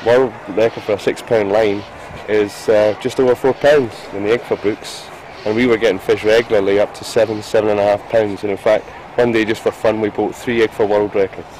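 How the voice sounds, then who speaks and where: Angler talking on a noisy boat. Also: male voice, lowish voice, little pitch movement, fairly quick, hardly any pauses, a little mellow. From Scotland. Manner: enthusiastic, repeats and restarts words. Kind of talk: casual explanation to camera. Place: small open boat at sea outdoors. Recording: outdoor boat with sea noise. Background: wind, water and boat noise.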